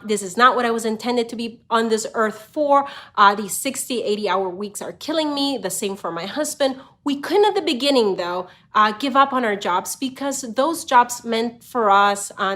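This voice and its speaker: Middle-aged woman from Honduras, slightly high voice, casual vlog host with a chatty delivery. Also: sharp tone. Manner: conversational, frequent "you know" fillers. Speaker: real estate investor and channel host. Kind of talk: casual direct-to-camera talk.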